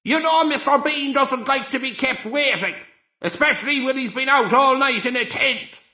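A bossy farmhouse woman calls out impatiently in a high, sharp voice, as a male narrator puts her on. Her tone is very bright and carries. A storybook side figure. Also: moderate pace, echoey room, heavily acted. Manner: calling out, impatient.

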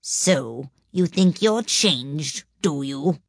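A woman voicing a languid, stern and contemptuous caterpillar in a slow, sleepy drawl. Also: sits low, animated, creaky, no echo, studio quality, exaggerated voice. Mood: curt, stern.

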